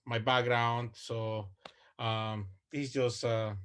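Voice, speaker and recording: Presenting his research online via video call, this Ecuadorian man in his 40s, whose first language is Spanish, hesitates often, filling pauses with uhs and restarting sentences. His pitch is medium and his tone level. He takes it slowly, and his voice is a bit bright and clean.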